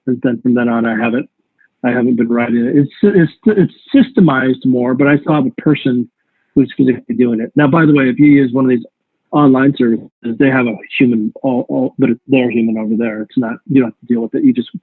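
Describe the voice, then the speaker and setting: A man's voice: mid-range voice, fairly even intonation, fairly quick, slightly rough, no room sound. A man teaching real estate investing in a live online workshop, talking conversationally with rambling asides and self-corrections. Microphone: video call. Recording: tinny call audio, dry.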